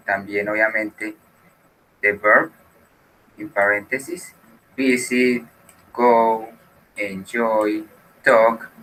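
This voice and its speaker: A man's voice: lowish voice, sharp tone, poor audio. A man teaching an English class who explains patiently and switches between Spanish and English.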